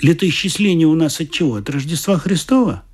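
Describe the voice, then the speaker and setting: A man's voice: a little high, lively intonation, brisk, a little mellow, slightly rough. A middle-aged man reading a short story aloud with expression, then chatting about it. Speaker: storyteller and speaker.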